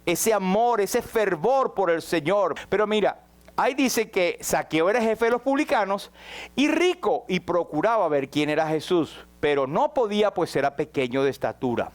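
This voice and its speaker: High-voiced pastor preaching with dramatic swings. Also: male voice, expressive, normal speed. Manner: dramatic swings between raised and hushed passages; addresses the congregation directly with questions. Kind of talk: sermon.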